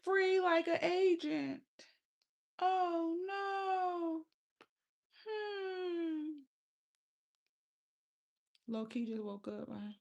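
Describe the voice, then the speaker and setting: Extremely high-pitched and extremely slow, with vocal fry and frequent pauses, a lisping woman hosts a casual livestream on lo-fi audio. She addresses chat directly, swears freely and laughs often in a loose way.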